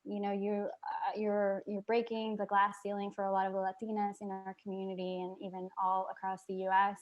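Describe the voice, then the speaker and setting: A woman's voice: mid-range voice, monotone, fairly quick, highs cut off. A woman hosting an online workshop on a video call, upbeat and chatty, with frequent fillers. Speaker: workshop host.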